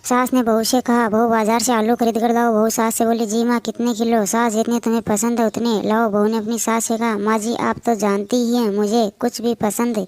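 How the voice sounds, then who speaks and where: A woman reading a string of short jokes aloud, speaking each quoted line in the same even voice. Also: fairly high pitch, normal speed, hardly any pauses, a little hiss or hum.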